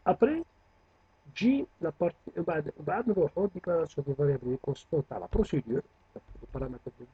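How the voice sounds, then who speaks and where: Brief: male teacher, quick delivery, gravelly fry, lo-fi dull recording. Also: a little high, dry recording. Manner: mixes French terms into Arabic speech. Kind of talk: programming lesson review.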